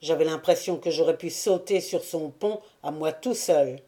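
A woman reading the part of a surly, brooding old male buccaneer gunner, voiced lower and grumbling. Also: moderate pace, warm tone, close to an everyday voice. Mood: gruff.

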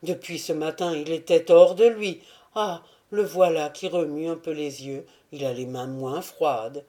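A woman's voice: low voice, measured pace, dark tone. A woman reading an audiobook voices a fretful, chatty male household servant. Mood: worried.

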